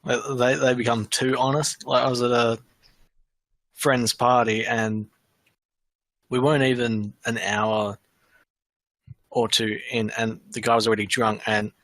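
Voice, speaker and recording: A man's voice: medium pitch, little pitch movement, measured pace, long pauses, a bit bright, no echo. Young man rambling through a story. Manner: rambling anecdotes with laughs. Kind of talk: casual chat.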